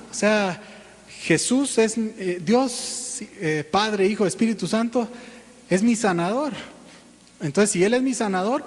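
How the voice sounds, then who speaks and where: A man, preaching a sermon in a relaxed, talky way. He clears his throat often and keeps tagging his points with little check-in questions. His voice rings out with a long reverb from the church hall. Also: sits high. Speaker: pastor. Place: church sanctuary.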